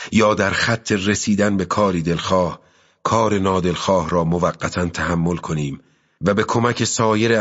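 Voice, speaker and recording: A man with a very low, husky voice reads a novel aloud at a slow, measured pace and pauses between phrases. The sound is dull and lo-fi, and a long reverb trails after each phrase. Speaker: audiobook narrator. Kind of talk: scripted narration of a novel.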